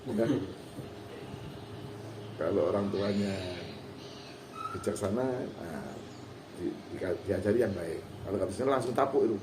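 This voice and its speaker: A man's voice: on the low side, moderate pace, long pauses. Folksy man teaching recitation. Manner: folksy, chuckling, acts out short quotes. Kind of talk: informal religious lesson. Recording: roomy hall with faint background noise.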